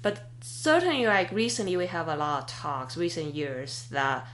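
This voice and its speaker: A woman in her thirties hosts a conversational podcast interview, speaking thoughtfully and hesitantly, with fillers and restarts as she hunts for words. Her voice sits low and fairly bright, with big pitch swings at a moderate pace, and there's slight background noise.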